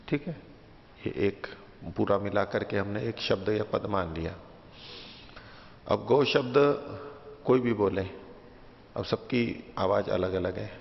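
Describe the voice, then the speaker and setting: A man with a gravelly voice teaches a class, patient and methodical, working through each point and repeating it with everyday examples. His voice rings with a long reverb, as if recorded in a large hall. The sound is muffled and dull. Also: lowish voice. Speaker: teacher of philosophy. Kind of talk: explaining a text to a class.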